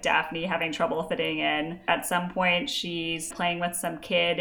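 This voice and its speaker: A woman's voice: on the low side, sharp tone. A woman co-hosting a podcast, chatting casually about a TV episode and laughing often. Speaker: podcast co-host. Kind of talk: casual chat recapping a TV episode.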